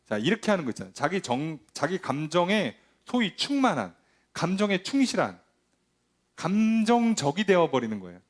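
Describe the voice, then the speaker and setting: A male pastor teaching scripture in a fairly high, very animated voice that swoops up and down. He keeps checking that his class understands with quick rhetorical questions. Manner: acts out quoted speech in dramatized voices. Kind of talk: Bible study teaching.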